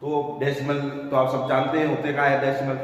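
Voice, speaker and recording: A man's voice: mid-range voice, monotone, a little fast. Male math coach lecturing a class; patient and repetitive; recorded from far off in a reverberant room, faint hiss. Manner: patient, repeats "ठीक है ना" to check in. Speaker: math teacher. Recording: echoey room from a distance with faint noise.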